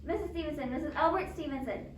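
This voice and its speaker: An amateur drama club actor plays the anxious, self-absorbed invalid wife in a stage adaptation of a radio suspense play, her high voice fast and lightly acted. Nervous and explaining, she's agitated, stammering and insistent. The distant mic picks up roomy echo and background noise.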